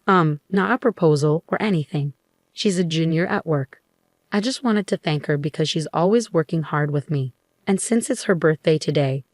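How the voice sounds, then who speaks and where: A woman's voice: lowish voice, darkish tone, no room sound, clean studio sound. A woman voicing a flustered cheating husband caught out, stammering and defensive.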